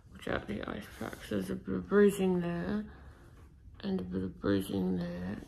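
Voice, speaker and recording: A woman's voice: fairly low pitch, gravelly, darkish tone. A young woman in her twenties chatting to a vlog from a hospital bed, sore and tired, her words stiff and muffled by a swollen jaw with ice packs. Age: 20s. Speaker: patient vlogging her recovery. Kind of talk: casual vlog chat. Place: small hospital room, in bed. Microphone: phone at arm's length. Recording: noisy hospital room on a phone.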